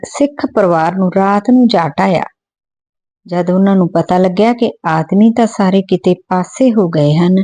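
A woman narrating a history book aloud, steady and earnest. Her voice is dark and mellow, and the recording is dry and close with no room sound. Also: medium pitch, no room sound. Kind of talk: storybook narration.

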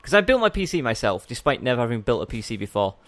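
A man's voice: medium pitch, sing-song, fast talker, a bit bright. A young man giving casual gameplay commentary as a let's play host, chatty and rambling, often correcting himself mid-sentence.

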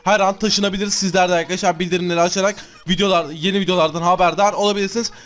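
An excitable man commentating his gameplay at a rapid clip with a high voice. He talks straight to the viewers, slangy and hyped. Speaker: gaming channel host.

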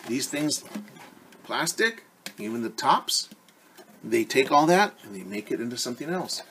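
Speaking at a medium pitch with a bit of brightness, a man in his forties reads to young children as their teacher. He talks straight to them and repeats key words, and the home living-room recording carries slight hiss or hum.

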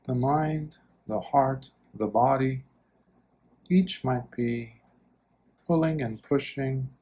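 In a medium-pitched voice, a man acting as a monk leads a guided meditation, speaking softly and soothingly in brief phrases with long pauses between them.

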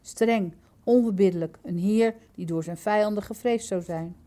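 A woman reading a children's book aloud in a calm, steady storytelling voice. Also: mid-range voice, moderate pace. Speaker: storybook reader.

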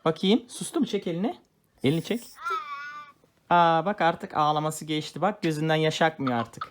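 A man's voice: fairly high pitch, moderate pace, a little hiss or hum. A father chatting playfully and coaxingly with his young daughter while they unbox a toy together. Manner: playful, coaxing, talks gently to a child. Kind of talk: casual family toy unboxing.

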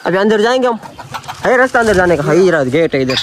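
A man's voice: high voice, big pitch swings, fast talker. A young man casually narrating a vlog on a farm, chatting to viewers and calling them guys. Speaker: vlogger. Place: outdoors at a farm with birds. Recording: noisy outdoor handheld recording.

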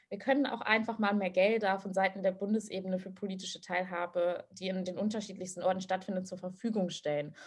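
A young woman from Germany, an activist on an online panel, speaking lively and mixing in English phrases. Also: mid-range voice. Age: young adult. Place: small room at home. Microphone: video call.

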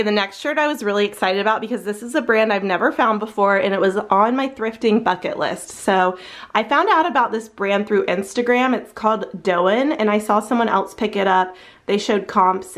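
A woman's voice: medium pitch, moderate pace. A woman in her thirties chatting casually through a thrift haul vlog, upbeat, with frequent fillers. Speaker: thrift reseller vlogger. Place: small home storage room with shelves.

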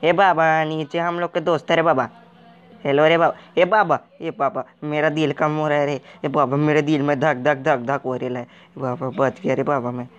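This fairly high, flat-pitched male voice comes through dull audio and sounds natural. He performs a bumbling game wanderer, clueless, excitable and uneducated, baffled and jittery, tacking a long "re baba" onto almost every jumpy, naive line of comic game commentary.

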